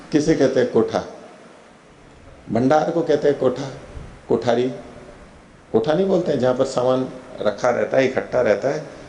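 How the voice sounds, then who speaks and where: A man teaching a scripture lecture, slowly reciting verses and then explaining them in plain talk. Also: medium pitch, dark tone. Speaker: teacher of Indian philosophy. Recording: echoey room, faint background noise.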